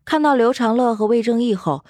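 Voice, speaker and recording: A woman narrating a serialized novel in an expressive storytelling manner. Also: on the high side, fairly quick, no room sound, clean studio sound. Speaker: audiobook narrator.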